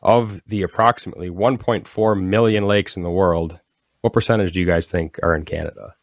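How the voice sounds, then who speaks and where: A man co-hosting a podcast, reading trivia questions out slowly and steadily. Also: sits low, steady tone, creaky, no room sound, clean studio sound. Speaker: podcast co-host running trivia. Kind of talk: casual chat, quiz hosting.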